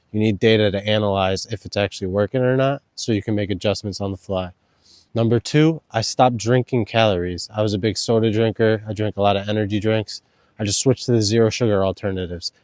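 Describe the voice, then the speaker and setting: Low-voiced man vlogging, laid-back and slangy. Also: darkish tone, no echo. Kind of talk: casual vlog storytelling with tips. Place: outdoors in wind.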